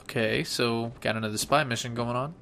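A young man hosting a let's-play video, giving relaxed, chatty commentary full of fillers. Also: medium pitch, fairly quick, gravelly, a little hiss or hum. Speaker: gaming channel host.

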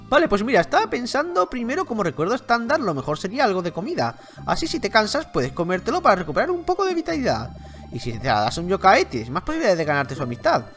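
A man with a Spain Spanish accent reading aloud the lines of a chatty, tiresome male game character, a bit lower and softer than his own talk. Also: heavily acted.

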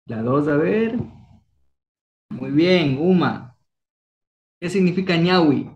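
A man's voice: fairly high pitch, expressive, slow, darkish tone, lo-fi sound. A young man from Ecuador teaching a language class, coaxing students with encouraging quiz questions. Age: young adult. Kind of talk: online class, quizzing students.

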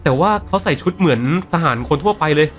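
Gaming streamer, male, slightly high voice, dubbing characters while he plays, soft music underneath. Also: lively intonation, quick pace. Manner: voices characters' lines and reacts between them. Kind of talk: live game commentary with voice-over translation.

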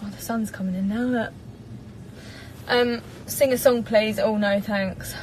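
Her voice is mid-range with a darkish tone, fairly even intonation and a slightly slow pace. A singer in her twenties with an English accent, she chats bubbly and giggly with a live-stream audience from a parked car, reading comments into a phone propped in front. The audio is poor, with slight background noise.

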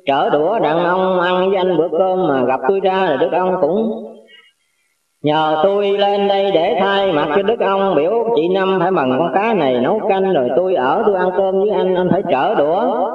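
A man's voice: sits high, moderate pace, heavy reverb, far from the mic, dull audio. A man with a Southern Vietnamese accent telling a religious folk story in a folksy way, acting out the characters' dialogue. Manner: folksy, acts out dialogue in quotes.

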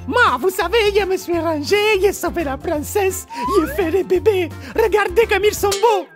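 A man playing a melodramatic, exclamatory Italian plumber with an Italian accent in an animated game parody. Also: very high voice, normal speed, faint music behind. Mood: cheerful. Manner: exclamatory, theatrical.

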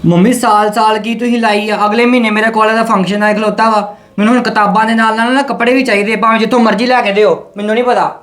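Actor as a petulant student son. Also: male voice, sits high, little pitch movement, fast talker, fairly bright tone. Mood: demanding. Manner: demanding, petulant. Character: demanding young male college student son. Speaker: younger son. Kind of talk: family drama acting.

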